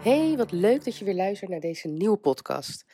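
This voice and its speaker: A woman's voice: medium pitch, big pitch swings, normal speed, warm tone, faint music behind. A woman hosting a casual motivational podcast, chatty and hesitant. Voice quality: congested voice from a cold. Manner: chatty, hesitant, breaks into small laughs. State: getting over illness, stuffed up with a cold. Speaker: podcast host.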